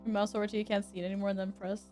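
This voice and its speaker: A woman's voice: medium pitch, flat delivery, very fast, a little mellow, faint music behind. A woman doing casual, playful live gaming commentary with little sing-song asides. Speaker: game streamer.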